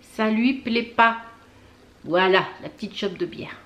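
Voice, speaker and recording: A woman hosting a knitting video podcast from home, chatting casually with many fillers, pausing to search for words and things. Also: medium pitch, a bit bright, lo-fi sound. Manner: chatty, talks straight to viewers. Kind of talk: casual show-and-tell chat.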